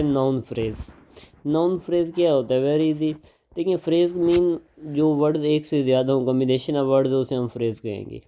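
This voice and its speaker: A man with a smooth, mellow, medium-pitched voice lectures on English grammar, explaining in Hindi mixed with English and reading example sentences slowly. The recording is dull and lo-fi with faint noise.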